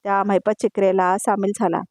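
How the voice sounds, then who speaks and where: A woman's voice: mid-range voice, little pitch movement, a little fast, darkish tone, dry recording, close to an everyday voice. Brief: woman reading an accusing, scolding wife, plain read, dry sound.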